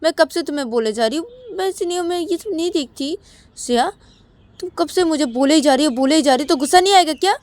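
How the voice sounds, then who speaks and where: A woman voicing Shruti, a defensive, quick-tempered young woman who repeats herself insistently. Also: medium pitch, flat delivery, mellow, no room sound, natural voice. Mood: angry.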